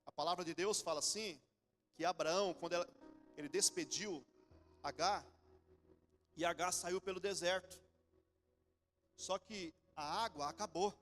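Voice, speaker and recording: Man, 40s, brazilian accent, high voice, animated sermon, faint music behind. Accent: Brazilian Portuguese. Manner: animated preaching with sudden drops to a soft, low voice. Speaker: pastor. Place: church.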